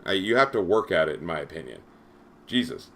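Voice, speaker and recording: A man's voice: low-pitched, sing-song, brisk, a bit bright, slight background noise. A man who moderates a Discord, ranting on a livestream in an exasperated, profane way. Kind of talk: livestream rant.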